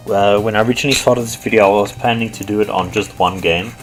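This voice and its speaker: A man's voice: lowish voice, fast, faint music behind. A man who is sick with the flu, casually commenting on an old computer game with frequent ums. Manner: relaxed, with frequent ums and likes. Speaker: retro game channel host.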